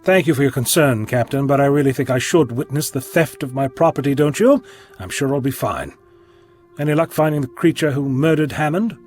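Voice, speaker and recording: A man's voice: medium pitch, a little fast, darkish tone, soft background music, lightly acted. A man playing an eccentric, flippant time-travelling doctor in an audio drama, theatrical and playfully sarcastic.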